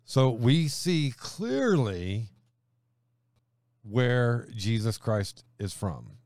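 A man from Honduras hosting a relaxed Bible discussion, laughing easily and reading scripture aloud. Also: medium pitch, drawn-out words, no room sound. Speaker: host.

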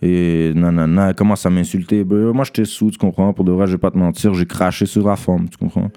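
Young man, low, slangy storyteller. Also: a little fast. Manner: animated, slangy, mixes in English, keeps asking "tu comprends?". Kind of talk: casual storytelling among friends.

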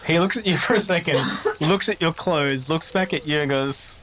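A man narrating a tabletop role-playing game as game master, in a relaxed, hesitant way. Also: fairly high pitch, moderate pace, noisy background.

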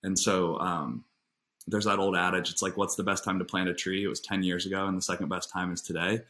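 A man's voice: sits low, little pitch movement, fairly quick, pushed and bright. A man in his thirties, a fitness coach and podcast guest, speaking earnestly and reflectively in casual conversation, with many "like" fillers.

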